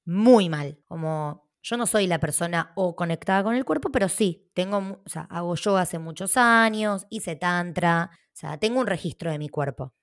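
A woman's voice: on the low side, normal speed, few pauses, a bit bright, no room sound, clean studio sound. A woman with an Argentine accent, a podcast co-host telling a personal story in casual, frank talk, swearing now and then. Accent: Argentine Spanish.

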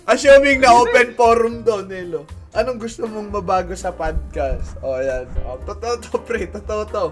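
A man's voice: high voice, moderate pace, faint music behind. A young man co-hosting a podcast, bantering playfully, teasing his friends and laughing often. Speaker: podcast co-host.

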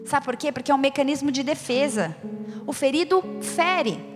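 A woman's voice: high-pitched, animated, normal speed. A woman in her forties preaching a sermon, earnest and often asking the listeners direct questions. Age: 40s. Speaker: pastor. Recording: long hall reverb with guitar music behind.

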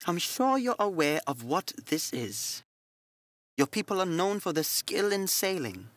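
A man voicing a calm, devout middle-aged nun who speaks with gentle, motherly earnestness. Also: high voice, a little slow, no room sound, pitched above the performer's own voice, full character voice. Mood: earnest.

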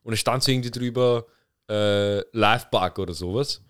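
A young man, a podcast host in casual chat, telling animated, slangy stories. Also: lowish voice, normal speed, clean tone. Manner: animated storyteller, acts out quotes, slangy.

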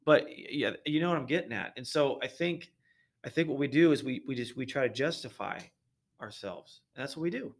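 A man's voice: mid-range voice, fairly quick. A man guesting on a podcast, talking earnestly about faith in a preachy way with many restarts.

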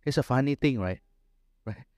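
A man preaching a sermon as pastor, mixing Indonesian and English, telling a story and slowing down to stress key points. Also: medium pitch, expressive, darkish tone, no echo, studio quality. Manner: switches between Indonesian and English mid-sentence; slows down for emphasis, storytelling delivery.

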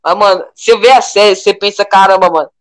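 A young man with a Brazilian Portuguese accent, chatting casually in a rambling, animated way full of slang. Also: high-pitched, fast, clear, resonant tone, no echo, rough recording.

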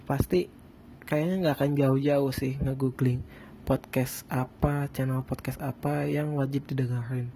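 Man, lisped r, dark relaxed tone, casual rambling podcaster, slangy, noticeable background noise. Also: a little high, creaky. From Bandung, Indonesia. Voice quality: lisped, non-rolled r. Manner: rambling, self-deprecating, slangy. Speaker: podcast host. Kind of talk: casual solo podcast chat.

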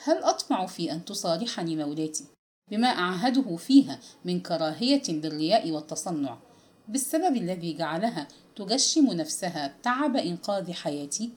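An earnest young male merchant speaks with deep reverence in a storybook reading, as a woman narrator lowers her voice for him. His tone is hushed and low, well under the narrator's own. The melody still moves with feeling. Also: animated, brisk, natural voice.

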